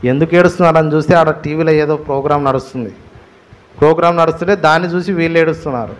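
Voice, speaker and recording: A man's voice: fairly high pitch, fast talker. A male pastor with a Telugu accent preaching a sermon, stressing his points with repeated phrases and rhetorical questions. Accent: Telugu, Andhra Pradesh.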